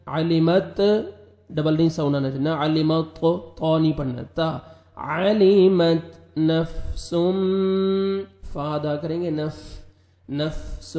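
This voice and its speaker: A man teaching Quran recitation, explaining the rules quickly and then reciting each verse slowly and drawn out. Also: fairly high pitch, dark tone, roomy sound. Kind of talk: tajweed recitation lesson.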